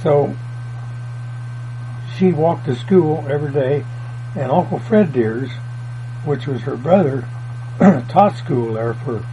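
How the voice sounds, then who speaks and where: Slow and warm with long pauses, a slightly high-voiced older man reminisces about his family in a rambling, folksy manner with plain country grammar. He's an oral history interviewee, recorded on dull lo-fi tape humming with mains noise.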